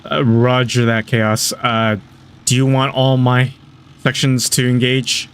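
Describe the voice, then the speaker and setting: A man's voice: medium pitch, level tone, takes it slowly, clean tone. A man playing a section leader in a military simulation game, mixing brief radio replies with casual chat.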